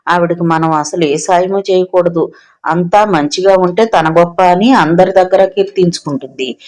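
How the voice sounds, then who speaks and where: A gossiping middle-aged man, read by a male narrator talks in a wary, confiding tone about someone he fears. The voice sits fairly high, in an audiobook reading. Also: a little mellow, natural voice.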